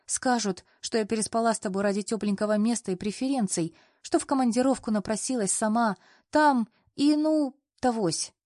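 A woman's voice: fairly high pitch, moderate pace, a little mellow, no echo, studio quality, lightly acted. A woman reading the lines of a young heroine who is embarrassed and complains in a whining, exclamatory way. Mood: flustered whining. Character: flustered young woman, whiny and easily embarrassed.

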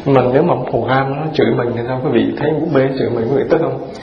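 A Buddhist monk gives a dharma talk, firing rhetorical questions at his audience in a folksy, humorous way. His medium-pitched voice races along in a roomy, dull hall with the audience present and a noisy background.

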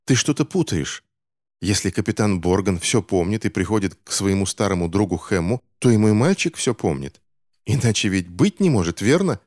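A man's voice: fairly low pitch, expressive, normal speed, darkish tone, dry recording, studio quality, close to an everyday voice. A man voicing a harsh, desperate middle-aged mother in an audiobook, pleading and spiteful by turns. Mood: tense. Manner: pleading, then cold and spiteful.

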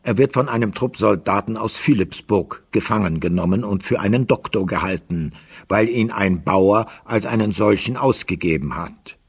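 A man's voice: fairly low pitch, normal speed, vocal fry, slightly rough. A man narrating a German literary radio play as a scripted storyteller.

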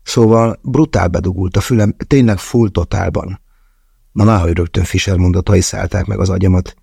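Gravelly, deep male audiobook narrator. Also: fairly even intonation, dark tone, dry recording, clean studio sound. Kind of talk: first-person audiobook narration.

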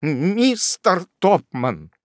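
A man's voice: high-pitched, big pitch swings, very slow, dry recording, studio quality, voice pushed up, heavily acted. A man voicing a shy, sentimental unmarried middle-aged aunt who speaks coyly, with a fluttering manner, in a storybook reading. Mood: flustered.

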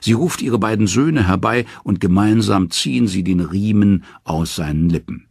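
A man narrating a myth audiobook in an expressive storytelling manner. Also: lowish voice, normal speed, gravelly, slightly rough.

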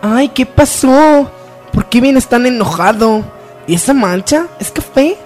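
A woman playing a caring, outspoken young character, expressive and colloquial, in radio soap opera acting. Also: fairly high pitch, unhurried, soft background music. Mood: concerned.

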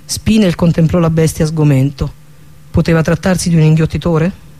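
A man narrating a fantasy audiobook with a steady, even reading manner. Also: fairly high pitch, normal speed. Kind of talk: scripted narration of a fantasy novel.

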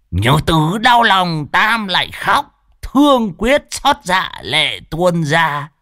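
A man voicing a tipsy old ghost-hunting master who grumbles in a low, mumbling way. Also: very animated, slow pace, sharp tone, no room sound, clean studio sound, full character voice. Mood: mock recital.

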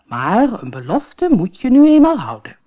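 Stern fairy-tale king, slow and firm; voiced by a woman reader. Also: fairly high pitch, wildly swooping pitch, phone-quality sound, pitched above the performer's own voice, exaggerated voice. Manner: firm, measured. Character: stern, fatherly old king. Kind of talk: storybook reading.

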